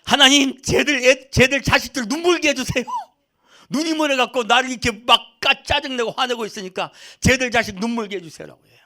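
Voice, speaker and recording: A man playing an angry, wronged old man who cries out bitterly to God, shouting his complaint. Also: very high voice, brisk, voice pushed up. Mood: furious.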